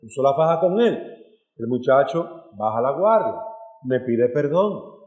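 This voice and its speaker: A man's voice: medium pitch, animated, a little slow, echoey room, dull audio. A man preaching a sermon as pastor, earnest and direct, speaking to his congregation as brothers and sisters. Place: church hall.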